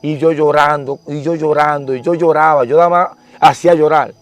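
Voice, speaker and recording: A man's voice: fairly high pitch, fairly even intonation, moderate pace. Earnest young man's testimony. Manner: repetitive, earnest, emotional retelling. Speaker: interviewee giving testimony. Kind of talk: religious testimony, casual storytelling.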